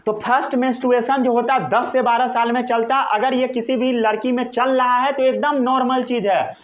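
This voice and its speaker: A man's voice: very high voice, a little fast. A young male teacher giving a classroom lecture, checking often that students have understood. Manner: animated, keeps asking "samajh gaye?".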